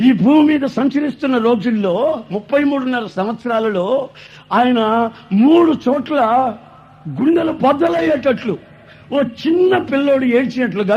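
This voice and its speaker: A man preaching a sermon as a pastor, telling stories in an animated way. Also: extremely high pitch, husky. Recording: dull lo-fi recording.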